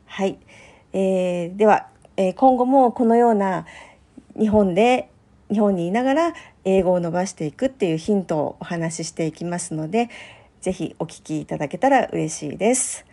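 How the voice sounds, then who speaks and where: A middle-aged woman talking alone on her podcast in a gentle, chatty way, with many small fillers. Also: mid-range voice, normal speed. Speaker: podcast host. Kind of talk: solo podcast talk.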